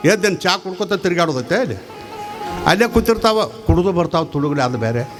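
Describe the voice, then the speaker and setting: High-pitched animated North Karnataka preacher. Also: male voice, fairly quick, over music. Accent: North Karnataka Kannada. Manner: animated storytelling with rhetorical questions. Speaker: spiritual teacher. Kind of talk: humorous spiritual discourse.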